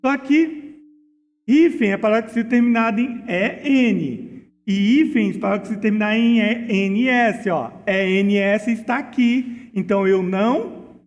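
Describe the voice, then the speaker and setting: High-voiced Brazilian man teaching grammar. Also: big-room sound, lo-fi sound. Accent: Brazilian Portuguese. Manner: didactic, slows to spell out words and rules, uses diminutives. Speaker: exam prep teacher. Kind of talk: recorded exam-solution lesson.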